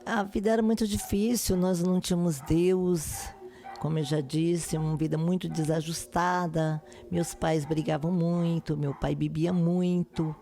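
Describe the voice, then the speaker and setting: A woman pastor from Brasília, telling her life testimony slowly and earnestly in a podcast interview. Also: fairly low pitch, steady tone, gravelly, dark tone. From Brasília, Brazil. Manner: slow, earnest, devout phrasing.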